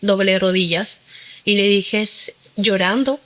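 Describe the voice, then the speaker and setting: A woman's voice: medium pitch, steady tone, a little slow, a bit bright. A woman in her forties with a Peruvian Spanish accent, a guest recounting her personal testimony in earnest storytelling, with frequent fillers. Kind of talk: testimony interview.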